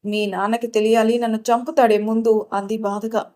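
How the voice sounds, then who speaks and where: A woman's voice: a little high, level tone, moderate pace, close to an everyday voice. A woman voicing an angry, strict middle-aged village mother who scolds her daughter. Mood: scolding. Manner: scolding, shouting.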